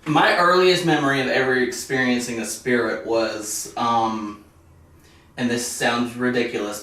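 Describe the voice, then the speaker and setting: A man's voice: mid-range voice, a bit bright. Young guy guest on a podcast, earnest, explains a lot, super echoey room, far off the mic. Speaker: guest, medium. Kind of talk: casual interview.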